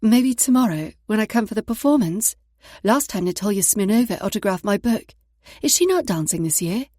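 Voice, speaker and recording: A woman's voice: mid-range voice, lively intonation, fairly quick, dark tone, no room sound, clean studio sound, close to an everyday voice. A woman voicing a gushing, girlish female ballet fan with a British accent in an audiobook. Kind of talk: audiobook character voice.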